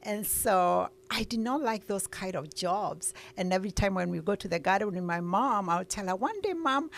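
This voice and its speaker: A woman's voice: medium pitch, expressive, normal speed, vocal fry, a little hiss or hum. A middle-aged woman with a Kenyan accent, telling her life story as an interview guest in an earnest way. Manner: earnest storytelling, with frequent uhs.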